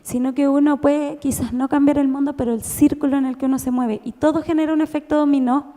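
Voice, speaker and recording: A Chilean woman in her thirties telling her own story at a conference, emotional and animated, with many restarts. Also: sits high, quick pace. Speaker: conference speaker. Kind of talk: personal testimony talk. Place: church. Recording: long reverb of a church hall.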